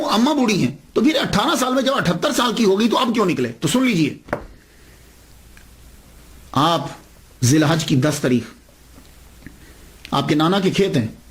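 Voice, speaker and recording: A man delivers a sermon as a story, in a voice pitched high for a man. He leans on rhetorical questions and swings his pitch for emphasis. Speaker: preacher.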